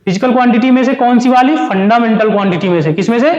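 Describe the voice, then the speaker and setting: A male teacher with a high-pitched, darkish voice delivers a fast physics lecture, explaining step by step and asking questions he then answers himself, mixing Hindi and English terms. The classroom echoes, and the recording is dull and lo-fi.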